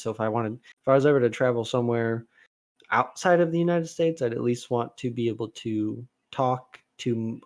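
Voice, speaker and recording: Young man, podcast co-host, casual chat, rambling, lots of restarts, mid-pitched voice. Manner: rambling, animated, many restarts.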